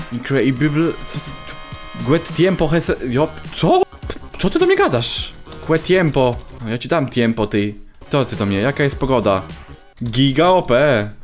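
A man commentating a video game with a lively, swooping voice that jumps between highs and lows. He is excitable and jokey, quick to exclaim and tease. Faint music plays underneath. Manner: excitable, exclaims and laughs often; jokey, teasing other players. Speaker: gaming YouTuber. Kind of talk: Minecraft let's play commentary.

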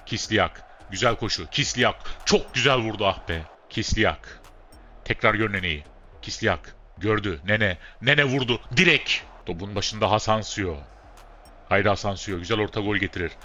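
A man giving casual, excitable play-by-play of his football management game, urging and scolding the players. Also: on the low side. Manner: excitable, shouts at players, mutters asides. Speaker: gameplay commentator.

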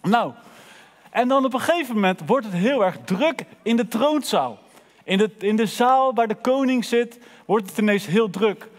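A man's voice: high voice, moderate pace, big-room sound. A man presenting in a children's church, telling a story and talking directly to the kids. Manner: lively, addresses the children directly.

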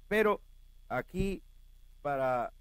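A male pastor delivers an animated sermon, his voice swinging widely up and down as he speaks straight to the congregation. His voice sits a little high for a man. The sound is dry and close, with almost no room echo. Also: slow, clean tone. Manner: animated preaching, addresses the congregation directly.

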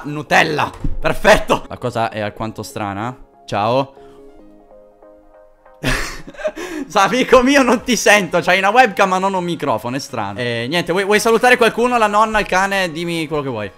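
A man's voice: on the high side, sing-song, normal speed, pushed and bright, faint music behind. A young Italian man chatting with fans on webcam in a playful, teasing way. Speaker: YouTuber. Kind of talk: joking webcam chat with fans.

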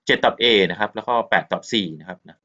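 The recording is muffled and lo-fi: a Thai-accented man from Thailand runs through a textbook English lesson at a quick pace. His voice is on the low side and sharp, and he repeats polite particles while switching between Thai and English explanations.

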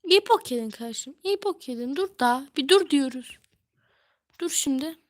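A young woman streaming a mobile game, snapping at her teammates and muttering to herself between bursts of shouting. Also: sits high, animated, normal speed. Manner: yells at teammates, then drops to mutters and whispers. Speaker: gaming streamer. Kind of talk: live gameplay commentary.

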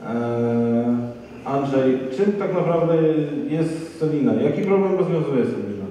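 A man in his thirties moderates a stage interview, posing questions with many pauses. His voice is mellow and dark, caught from a distance in a large hall with a long reverb. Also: mid-range voice, animated, slight background noise. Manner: questioning, hesitant. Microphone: headset mic. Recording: echoey hall from far off.

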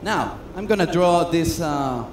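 High-voiced man doing comic stage patter. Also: animated, unhurried. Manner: chatty, self-mocking, coaxing the crowd. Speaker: stage magician. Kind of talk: comedic stage patter with audience. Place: cruise ship stage. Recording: echoey stage sound with noise.

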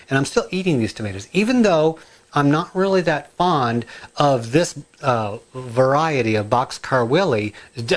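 A middle-aged man chatting casually in his home kitchen, rambling and excitable, full of asides and ums. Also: medium pitch. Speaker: home cooking and gardening vlogger.

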